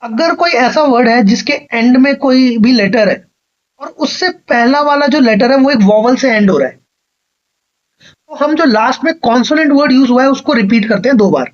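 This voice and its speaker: A man's voice: extremely high pitch, expressive, normal speed, lo-fi sound. A man teaching an exam-prep grammar lecture, explaining patiently step by step and often checking that his students follow.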